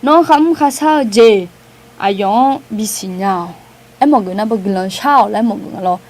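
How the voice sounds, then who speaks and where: A woman gives an informal outreach talk to a gathered group. Her voice is warm and mellow, and her delivery is chatty and unhurried, full of small hesitation sounds and light laughter. Faint ambient noise sits behind her. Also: medium pitch. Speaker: outreach speaker.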